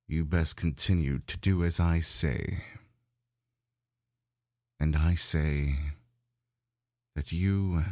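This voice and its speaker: A man doing a deep gravelly dragon. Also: a little mellow, no room sound, clean studio sound, heavily acted. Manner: commanding, slow and gloating. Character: domineering, lustful male dragon. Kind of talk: adult audio roleplay.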